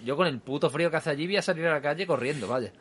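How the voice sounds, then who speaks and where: A man co-hosting a casual chat, dropping jokes and quick trivia asides. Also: a little high, a bit bright. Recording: crowd noise clearly heard behind.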